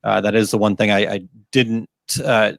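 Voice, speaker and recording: A man's voice: on the low side, fairly even intonation, normal speed, vocal fry, dry recording, clean studio sound. A man co-hosting a casual live Q&A, reading viewer questions aloud and joking around with frequent laughs. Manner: jokey, laughs often, reads questions aloud.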